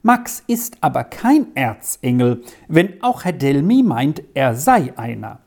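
A woman voicing an excited, defiant young boy who speaks in breathless, indignant outbursts while reading a storybook aloud. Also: a bass voice, slow, heavily acted. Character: agitated young boy Lex, hot-tempered and defiant.

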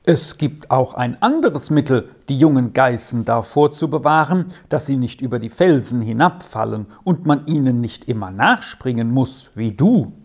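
A woman's voice: a bass voice, lively intonation, moderate pace, hardly any pauses, a little mellow, breathy edge, full character voice. A woman voicing a cocky, scheming young herd boy in a storybook reading, talking in a brash, coaxing, sly way.

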